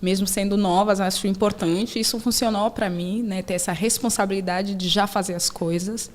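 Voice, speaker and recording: Animated mother telling family stories. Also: moderate pace. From Brazil. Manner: animated storyteller, acts out her daughters in a high voice. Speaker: podcast host sharing her story. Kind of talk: casual conversational interview.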